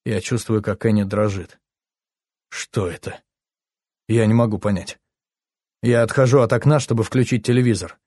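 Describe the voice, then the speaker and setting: Hushed, tense male narrator. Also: on the low side, fairly even intonation, normal speed, pauses often, husky, dry recording, clean studio sound. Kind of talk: audiobook narration.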